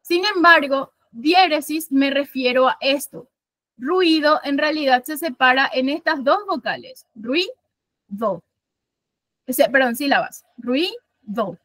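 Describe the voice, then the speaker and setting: Slow, high-voiced woman teaching a lesson. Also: fairly bright tone, no room sound. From Paraguay. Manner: explains step by step, counting syllables aloud; frequent self-corrections and fillers. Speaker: literature teacher. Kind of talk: online class lecture.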